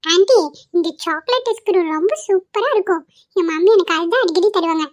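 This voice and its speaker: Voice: very high voice, a little fast, dull audio. A voice actor playing a sweet, clever little boy in a cartoon, chirpy, cheeky and polite. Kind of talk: amateur cartoon voice acting.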